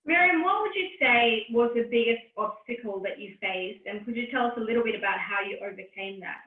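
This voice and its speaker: A woman's voice: on the high side, a little fast. A woman moderating a forum interview, introducing her guest and asking questions in a formal, welcoming way. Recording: tinny, echoey, distant phone-like sound.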